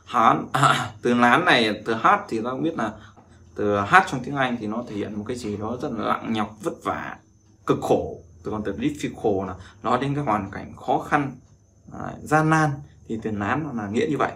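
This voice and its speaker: Bright-voiced man teaching vocabulary. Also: medium pitch, a little hiss or hum. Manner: repeats words in drawn-out drills, chatty asides. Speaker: Chinese language teacher. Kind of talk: casual vocabulary lesson.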